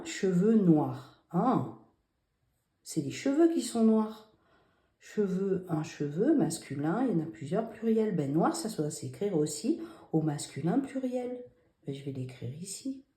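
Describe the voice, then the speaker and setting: Slow, mellow-voiced woman teacher. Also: lowish voice. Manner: patient, explains step by step with rhetorical questions. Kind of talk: spelling lesson for children. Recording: roomy echo.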